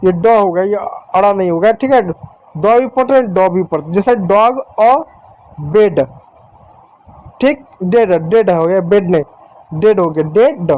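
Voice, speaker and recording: A man teaching young children letter sounds in a patient, repetitive way, slowly sounding out letters and speaking to the children directly and affectionately. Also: sits high, lively intonation, darkish tone, poor audio. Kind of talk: phonics lesson for young children.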